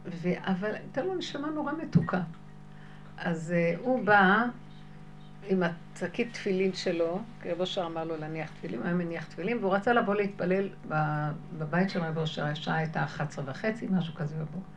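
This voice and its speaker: A woman telling a story in a casual, animated way, often laughing and acting out what people said. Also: on the low side, a little hiss or hum. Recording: loud music behind the voice.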